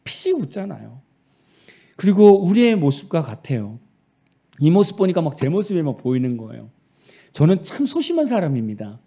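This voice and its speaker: A man's voice: a little high, sing-song, moderate pace, warm tone, husky. A male pastor preaching a sermon, explaining emphatically and asking rhetorical questions.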